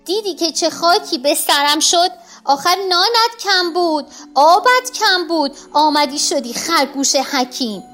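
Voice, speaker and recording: A flustered little rabbit pretends to be a healer in a children's tale, voiced by a woman, pleading in a high voice that leaps up and down. Faint music plays underneath. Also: lively intonation, fairly bright tone. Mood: fretting. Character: timid rabbit posing as a wise healer. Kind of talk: storybook character voice.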